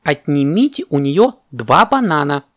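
A man's voice: fairly high pitch, very animated, a little slow, a bit bright, voice pushed up, full character voice. A man voicing a fussy, self-important male parrot teaching sums in a children's story, lecturing. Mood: indignant.

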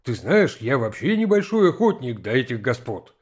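A man voicing a stern aristocratic father in an audiobook reading, speaking in a measured way. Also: medium pitch, sing-song, husky.

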